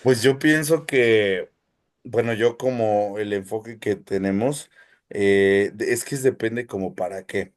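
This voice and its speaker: A teacher, answering interview questions in a measured, hesitant way with many fillers. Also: male voice, on the low side. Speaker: teacher, guest.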